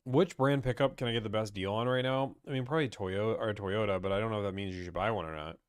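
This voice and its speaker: A man's voice: fairly low pitch, fast, clean tone, no room sound, clean studio sound. Chatty young man hosting a live stream. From Pittsburgh. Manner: chatty, reads viewer comments aloud and answers offhand. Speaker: livestream host answering car-buying questions.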